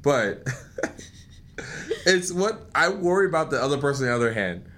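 Animated young man, swearing. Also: fairly high pitch, normal speed. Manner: animated, swearing, acts out quotes. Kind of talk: casual chat.

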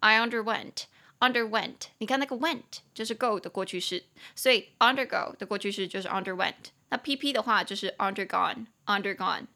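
A young woman with a Taiwanese Mandarin accent hosts a podcast English lesson, chatty and playful, slowing down to spell out and drill new words. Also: mid-range voice, creaky, bright, forceful tone. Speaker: English teacher and podcast host. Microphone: podcast microphone.

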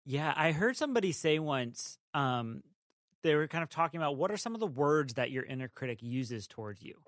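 A man's voice: fairly high pitch, sing-song, brisk, fairly bright tone, no echo, studio quality. A man co-hosting a faith-based podcast, thoughtful and affirming, guiding the talk with questions. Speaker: podcast co-host, interviewer.

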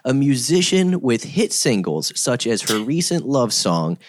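A man's voice: mid-range voice, sing-song, a little slow, no echo, studio quality. A man hosting a podcast with casual, joking banter. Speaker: podcast host.

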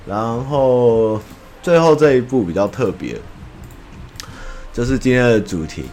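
A man's voice: mid-range voice, animated, a little slow, a little mellow, a little hiss or hum. A young man from Taiwan, hosting a podcast in casual chat, rambling and blunt, with swearing and mocking voices. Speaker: podcast host. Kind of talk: casual chat about anime.

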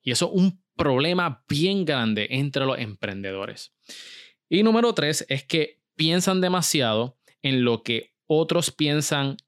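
Energetic podcast host, dry sound. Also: male voice, fairly high pitch, takes it slowly, clean tone, no echo. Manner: energetic, addresses the listener directly with questions. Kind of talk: solo motivational business podcast.

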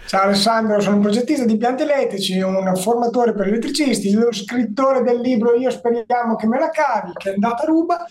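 A man's voice: very high voice, fairly quick, few pauses, a little mellow. A man acting as guest quizmaster, presenting and explaining in a casual, informal way. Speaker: guest quizmaster, electrical trainer. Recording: echoey room.

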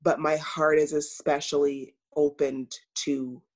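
Slow, earnest woman coach. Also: low voice, little pitch movement. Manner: measured and earnest, with many pauses and fillers. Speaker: coach and podcast guest. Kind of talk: reflective interview talk.

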